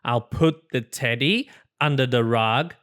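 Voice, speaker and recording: A storybook reader voices a cheerful, silly, overconfident male porcupine, breezy and theatrical. The mid-range voice is unhurried, a bit bright and pushed down, lightly acted with an upbeat, confident mood.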